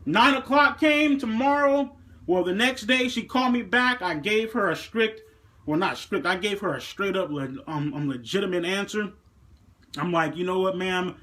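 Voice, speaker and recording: A man's voice: high-pitched, lively intonation, normal speed, bright, forceful tone. A man telling a story to camera as a heated, profanity-filled rant, often slipping into mocking voices of the people in it. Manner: heated, swearing constantly, slips into mock voices for others. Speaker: vlogger.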